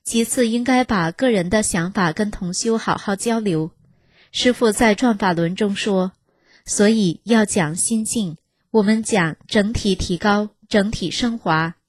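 A woman giving a steady, earnest, scripted first-person reading of a personal testimony. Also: medium pitch, no echo. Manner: measured, earnest, steady delivery.

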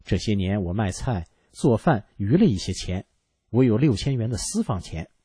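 A man's voice: lowish voice, expressive, moderate pace, mellow, slightly rough, dry recording. A male narrator reading the lines of a doubtful, practical young wife in a blunt, matter-of-fact way, close to his own voice.

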